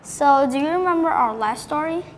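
A woman's voice: high-pitched, animated, moderate pace, big-room sound, a little hiss or hum. A woman hosting a storytelling show in an upbeat, scripted way. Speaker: host.

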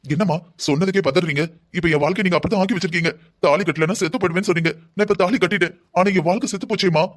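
A man's voice: high-pitched, fairly even intonation, racing, close to an everyday voice. A man playing a resentful young groom in a cartoon drama, despairing and sulky toward his mother. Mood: bitter.

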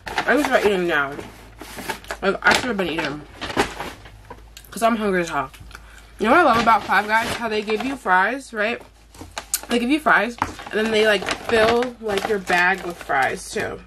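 A woman's voice: medium pitch, moderate pace, pauses often, noisy background. A young woman chatting casually while she eats on camera for a mukbang vlog, blunt and full of slang. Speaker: mukbang vlogger. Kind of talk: casual chat while eating. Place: at home.

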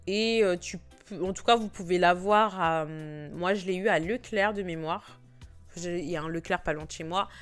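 A woman's voice: fairly low pitch, normal speed, soft background music. A woman, chatting casually about hair products, often stumbling over words and restarting. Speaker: beauty vlogger.

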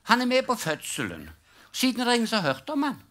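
This older comedian's voice is very high, bright and forceful, with huge swings in pitch. Onstage before a live audience, he delivers dry, story-style jokes and acts the punchlines out.

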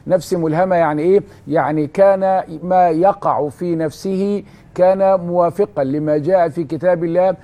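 A religious scholar with an Egyptian Arabic accent tells stories on a TV studio talk show, fervently asking rhetorical questions and answering them himself. His voice sits high and is steady, mellow and moderately paced.

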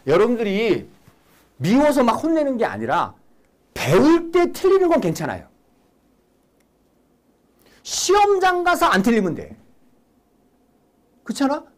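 A middle-aged man lecturing in a recorded class. His pitch swings up and down constantly. He scolds his students in a teasing way and acts out their inner thoughts. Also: a little mellow. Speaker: exam-prep lecturer.

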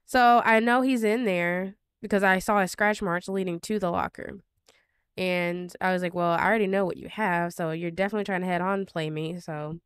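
A woman's voice: on the low side, steady tone, moderate pace, smooth, no echo, studio quality. A young woman retelling a game match in casual, chatty commentary, full of fillers and sarcastic asides. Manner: chatty storytelling with many fillers. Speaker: gaming vlogger.

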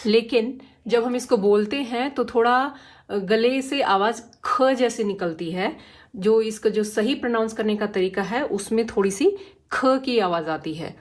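Slow, patient woman teaching phonics. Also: fairly high pitch. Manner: patient, demonstrates each sound repeatedly. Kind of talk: slow, careful phonics lesson.

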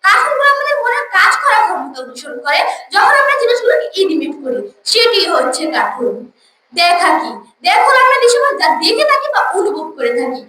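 A young schoolgirl, the first speaker at a school debate, delivers a formal, rehearsed, declamatory speech in a very high, sharp, highly animated voice at a brisk pace. The recording comes from a room at the event, with echo, a distant mic, and background noise.

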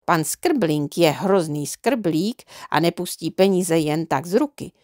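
A woman's voice: on the low side, animated, darkish tone, no room sound, studio quality, close to an everyday voice. A woman voicing a sly, persuasive male swindler, drawing her words out sweetly as she reads a children's storybook.

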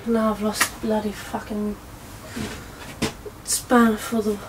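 A woman's voice: medium pitch, flat delivery, takes it slowly, background noise. Sweary young woman in a workshop. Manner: blunt, sweary, talks to herself while working. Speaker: motorcycle builder vlogger. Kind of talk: casual workshop vlog. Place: small cluttered workshop shed.

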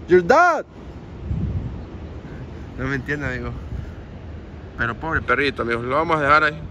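A young man with a Mexican accent vlogs casually outdoors by the sea, walking along a border wall and talking to viewers in a slangy, joking way. His mid-range voice is steady in tone yet fast, bright and forceful. The low-quality recording is windy, with crashing waves and surf behind him.

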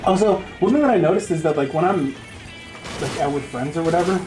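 A man's voice: fairly high pitch, animated, quick pace. A man in his twenties chatting casually on a game stream, joking, swearing and laughing a lot. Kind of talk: casual gaming stream chat. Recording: roomy room with game music. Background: game music.

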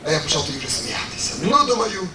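A man's voice: fast, roomy sound. Guy preaching his testimony, noisy far-off room sound. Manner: animated storytelling, swinging between high and low voices. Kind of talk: emotional sermon testimony.

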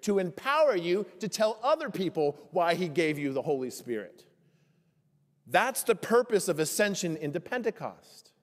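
A male pastor giving a sermon to his congregation. He asks many rhetorical questions and slows down to stress key phrases. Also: medium pitch. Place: church sanctuary. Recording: long church reverb.

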